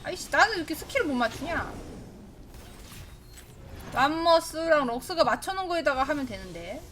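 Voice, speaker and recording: A woman's voice: sits high, fairly quick, slight background noise. A woman streaming a game live, reacting to the match as she plays, with yelps and bursts of laughter. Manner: excitable, talks to herself, yelps and laughs. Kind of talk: live gameplay commentary.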